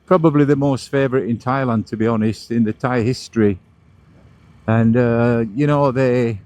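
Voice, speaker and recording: A motorcycle vlogger and host rides a motorbike along outdoor roads, giving casual, chatty commentary like a tour guide amid vehicle and wind noise. His voice is mid-range and warm.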